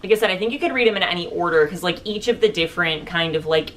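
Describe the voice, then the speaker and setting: A woman co-hosts a book review show, rambling informally through a casual book discussion with plenty of filler words. Her voice is lowish and a bit bright, and she talks quickly. There is a little hiss or hum in the recording.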